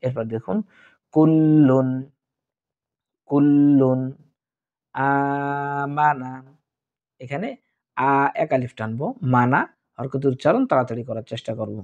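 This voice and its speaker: A man teaching Quran recitation in a Bangladeshi Bengali accent, chanting each word slowly and repeating it, then explaining quickly. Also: medium pitch, lively intonation, narrow, tinny audio. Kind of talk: slow recitation lesson with quick spoken explanations.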